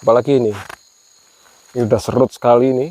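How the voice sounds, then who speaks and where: A man hosts an on-location night exploration vlog in a mid-pitched voice. He talks casually and explains as he goes, often turning to his companion for confirmation. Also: little pitch movement, fast talker, mellow, no room sound, poor audio. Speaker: host of a mystery exploration vlog. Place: outdoors at night by a ruined empty village house.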